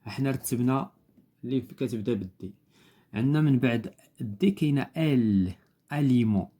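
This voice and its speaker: Moroccan male teacher, mellow voice. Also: medium pitch, fairly quick. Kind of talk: explaining homework step by step.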